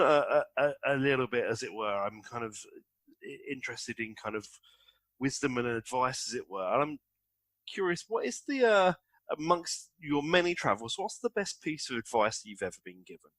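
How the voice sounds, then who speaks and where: Lively enthusiastic male host, dry sound. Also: mid-range voice, normal speed, dry recording. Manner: enthusiastic, hesitant phrasing with fillers. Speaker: podcast host. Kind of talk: interview questions.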